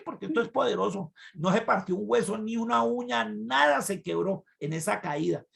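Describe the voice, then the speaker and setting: Male preacher, gravelly and a bit high, animated storytelling sermon. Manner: animated, swinging from loud cries to low asides. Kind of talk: sermon retelling a Bible story.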